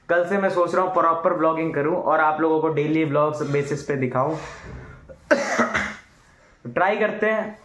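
A man's voice: fairly high pitch, slight background noise. A young man talking casually to a handheld phone camera at home, chatty and playfully teasing his family. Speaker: vlogger. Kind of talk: casual vlog narration.

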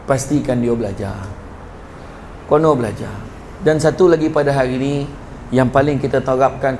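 A middle-aged man with a Negeri Sembilan Malay accent giving a humorous religious lecture to parents and teachers at a school event. He tells jokes and stories in an animated way, then drops to a low, earnest tone to deliver the moral. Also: slight background noise. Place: school event before a live audience.

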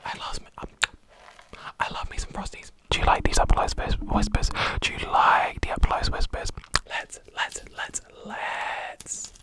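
A young adult man who creates ASMR videos whispers fast and aggressively in a mostly unvoiced voice, repeating short phrases in rapid-fire fashion. He records indoors in a small bedroom with a desk microphone close to his mouth.

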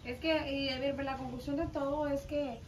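A woman interviewing a guest, speaking calmly and giving encouraging advice. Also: high voice, normal speed. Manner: calm, encouraging and advising. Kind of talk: conversational interview. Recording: faint outdoor noise, phone video.

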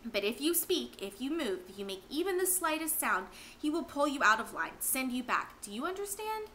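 A woman reading aloud gives voice to a frightened teenage boy who hisses urgent commands in a bright, raised voice. He sounds desperate and fierce, set in a storybook telling. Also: sits high, big pitch swings, moderate pace, pitched above the performer's own voice, heavily acted.

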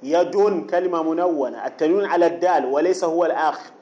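Guy teaching grammar, fairly high voice, slow and repetitive, dull lo-fi sound. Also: darkish tone. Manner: deliberate, repeats key phrases and asks the listener questions. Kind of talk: classroom explanation of a grammar text. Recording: dull lo-fi recording.

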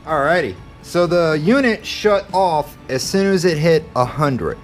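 A man's voice: on the high side, sing-song, unhurried, over loud music. A man in his thirties casually unboxing and reviewing tools, plain-spoken and a little self-deprecating, recorded on a camera mic in a cluttered indoor garage workshop. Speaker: channel host reviewing tools.

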